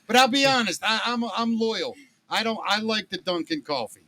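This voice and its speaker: Bright-voiced enthusiastic podcast host. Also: male voice, high-pitched, animated, moderate pace, slight background noise. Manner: enthusiastic, effusive. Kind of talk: casual podcast chat.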